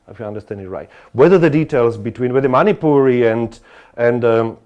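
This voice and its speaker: A man's voice: a little high, a little mellow. Man giving a lecture. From Slovakia. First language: Slovak. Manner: discursive, many restarts and asides to the audience. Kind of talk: academic lecture.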